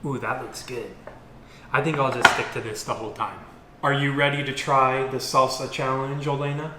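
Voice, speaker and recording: A man's voice: medium pitch, flat delivery, normal speed. A man co-hosting a food challenge, chatting casually in a playful, jokey way. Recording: echoey room, faint background noise.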